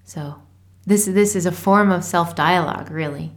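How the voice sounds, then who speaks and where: Tender, lower-pitched woman podcaster. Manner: tender, earnest, thoughtful with pauses. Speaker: podcast host. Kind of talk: reflective casual solo talk, with a short letter read aloud. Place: small unfinished home creative studio.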